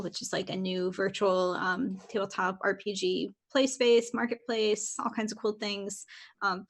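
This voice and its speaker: A woman introduces herself after a tabletop game. She speaks in an upbeat, promotional tone, in a mid-range voice. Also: medium pitch. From Australia. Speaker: player.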